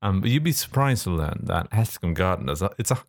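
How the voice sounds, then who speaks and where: Low-voiced man telling a comic anecdote. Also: lively intonation, fast, gravelly, no room sound, clean studio sound. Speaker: podcast co-host. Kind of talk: comic anecdote in casual banter.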